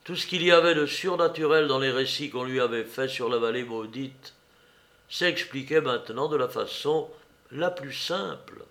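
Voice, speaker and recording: Measured male audiobook narrator. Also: medium pitch, fairly bright tone. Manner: measured reading, slowing and dropping at phrase ends.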